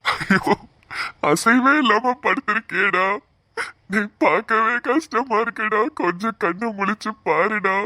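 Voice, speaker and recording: A woman's voice: medium pitch, measured pace, sharp tone, no echo. A woman voicing a young man in a cartoon, an elder brother who pleads tearfully for his little brother. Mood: tender pleading. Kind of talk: cartoon voice acting.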